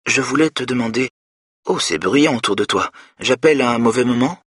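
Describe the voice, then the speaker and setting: Higher, husky young woman, awkward and polite, a student, as a male narrator puts her on. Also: expressive, fairly quick, a bit bright, no room sound, studio quality. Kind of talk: audiobook narration.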